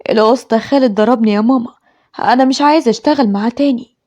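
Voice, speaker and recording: A scared Egyptian schoolboy pleads and begs in a cartoon story, voiced by a woman. The voice is husky and fairly high. The sound is dull, like a lo-fi recording. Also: very fast, warm tone, close to an everyday voice. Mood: fearful. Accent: Egyptian Arabic. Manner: pleading, fearful. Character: frightened schoolboy son.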